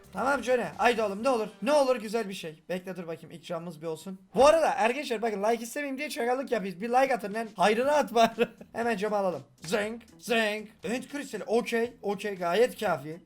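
A man giving excitable, joking commentary on his gameplay, talking straight to his viewers. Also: sits high. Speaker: gaming YouTuber.

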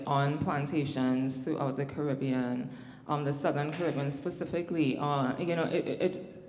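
Her voice is low with a darkish tone as she takes part in a panel discussion on stage in a big hall. She is an academic in her thirties with a Trinidadian accent, reflective but full of fillers and restarts, and the echoey room adds long reverb along with slight background noise.

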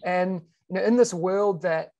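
An education consultant from New Zealand, a man in his thirties, joins a video-call panel via webcam from a room at home. His voice sits high and sounds unhurried and mellow, and he chats casually, often saying "you know" and starting sentences over.

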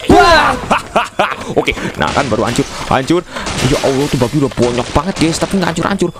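A young man casually commentating a video game, excitable, exclaiming and laughing often while talking to his viewers. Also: mid-range voice, quick pace, noisy background. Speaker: gaming YouTuber. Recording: loud game music behind voice.

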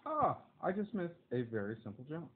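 Excitable dad gaming over a tinny line. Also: male voice, a little high, moderate pace. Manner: self-deprecating, excitable, cries out at wins and misses. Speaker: father playing a video game with his child. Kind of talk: casual gameplay chat. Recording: phone-like lo-fi audio with clear background noise.

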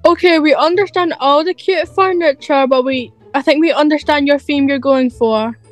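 A woman's voice: high-pitched, moderate pace, soft background music, lightly acted. A woman voicing a patient builder who placates a demanding customer in a game role-play. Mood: placating.

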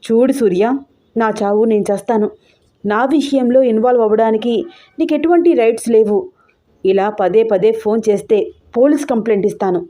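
A woman reads as a frightened young wife in a storybook audio drama, pleading and near tears. Her voice sits a little high but stays mellow and soft-edged. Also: a little slow, long pauses. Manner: pleading, tearful outbursts. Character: troubled young married woman, fearful and pleading.

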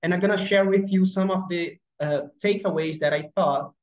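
A man from Brazil with as his gives an online presentation over a webcam, speaking haltingly with many fillers and restarts. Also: high-pitched, steady tone. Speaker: conference speaker. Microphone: video call webcam. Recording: roomy, slightly dull video call audio.

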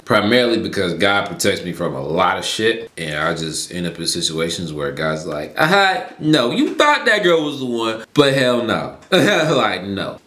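Young guy vlogging at his desk, low-ish voice that swings around a lot, slangy and loose, echoey room. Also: sing-song, moderate pace, hardly any pauses, sharp tone. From Georgia, US. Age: young adult. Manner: laid-back, slangy, lots of fillers. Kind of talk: casual mukbang Q&A chat. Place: small room with neon lights, indoors. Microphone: fixed camera at desk.

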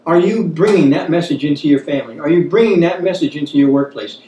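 A man in his fifties leads a Bible study as if preaching, earnest and exhorting, repeating phrases for emphasis from a wooden table in a small indoor room. His voice sits on the high side, warm, and he talks fast. The echoey room and distant mic leave a little hiss or hum.

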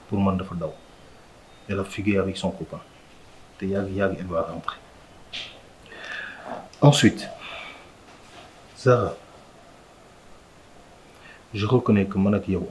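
An actor with a Senegalese accent playing a calm man who proposes marriage in a TV drama, speaking in a measured, earnest way. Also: lowish voice, a little hiss or hum, natural voice, poor audio. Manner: measured, earnest, mixing French and Wolof. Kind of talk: TV drama acting. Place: restaurant dining room.

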